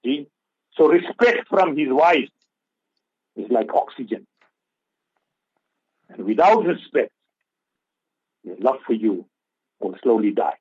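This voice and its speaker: A man's voice: mid-range voice, expressive, slow pace, long pauses, breathy edge, dry recording, muffled recording. A man giving religious advice on a radio talk show, preaching and repeating key phrases for emphasis. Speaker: Islamic scholar on radio.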